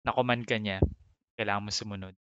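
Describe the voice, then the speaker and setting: Guy gaming and chatting, smooth clear voice, kinda dull dry mic. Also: on the low side, fairly even intonation, quick pace, fairly bright tone, no room sound. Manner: reads out item names, code-switching, chuckles. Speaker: gamer co-host. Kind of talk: casual gaming chat.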